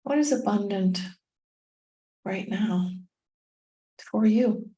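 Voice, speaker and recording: A woman, a meditation guide and tapping coach, leads a very unhurried meditation in gentle short phrases separated by long, soothing pauses. Her voice is soft-edged, relaxed, and middling in pitch, and the recording quality is low.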